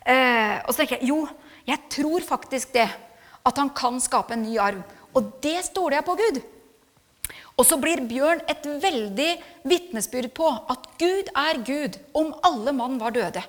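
Earnest high-voiced woman in reverberant hall. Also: animated. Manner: earnest and reflective, with hesitant fillers and rising emphatic passages. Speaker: speaker giving a church testimony. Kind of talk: personal testimony sermon.

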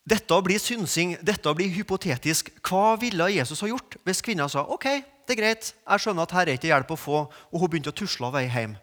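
A male preacher delivers a sermon in a fairly high voice, building from calm reflection to emphatic, rising peaks. His words ring out with the long reverb of a large church hall. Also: hardly any pauses.

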